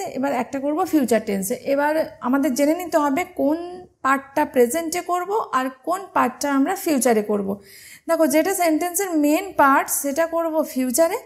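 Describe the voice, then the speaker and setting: A woman from teaching an exam-prep grammar lesson, patient and step by step, asking her students questions as she goes. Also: sits high.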